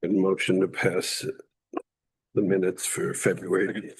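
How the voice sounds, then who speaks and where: A man with a fairly low, husky voice speaks up at a town council meeting. He talks casually, often leaving sentences half finished. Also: flat delivery, unhurried. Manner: casual and chatty, trails off mid-sentence. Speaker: council member.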